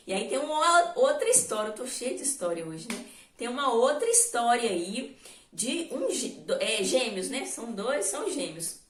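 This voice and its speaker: A woman, a weight-loss coach telling stories in a casual motivational talk. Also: fairly high pitch. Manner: chatty storytelling with laughs. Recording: echoey room, distant mic.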